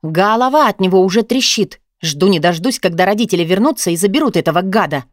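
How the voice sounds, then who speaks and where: A woman's voice: medium pitch, animated, fast talker, dry recording, clean studio sound, close to an everyday voice. A woman voicing a blunt, grudging young woman, a weary dispatcher, who drags out her reproachful words. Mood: irritated.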